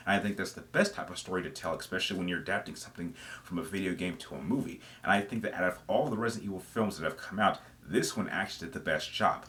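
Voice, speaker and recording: A man with a low voice and a fairly bright tone hosts a gaming video. His commentary is casual and semi-scripted, explaining his views in a chatty way while emphasizing key phrases.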